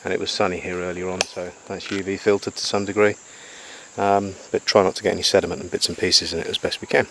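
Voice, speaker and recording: Speaking quickly and flatly in a low, fairly bright voice, this survival diarist addresses the camera outdoors by a jungle river. His unscripted explanations are methodical and matter-of-fact, like a casual diary entry. Crickets and insects hum faintly in the surrounding jungle.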